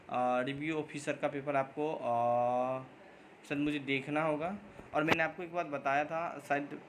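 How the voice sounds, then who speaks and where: A man's voice: on the high side, fairly bright tone, a little hiss or hum, poor audio. A man hosting a job-update channel, answering viewer comments in a casual vlog, rambling with many filler sounds and restarts and mixing English words in. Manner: admits he sometimes talks too fast.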